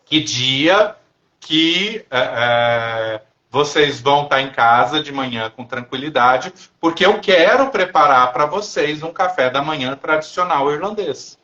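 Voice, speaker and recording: A man co-hosting a casual live stream, talking reflectively and haltingly, with many pauses and restarts. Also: a little high, lively intonation, pushed and bright, lo-fi sound. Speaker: therapist and co-host.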